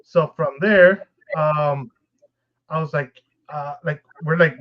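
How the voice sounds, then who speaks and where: A man's voice: fairly high pitch, steady tone, slow. A man co-hosting a podcast, telling a long, rambling, profane story and laughing often. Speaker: podcast co-host. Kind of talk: casual storytelling. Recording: dull lo-fi podcast recording.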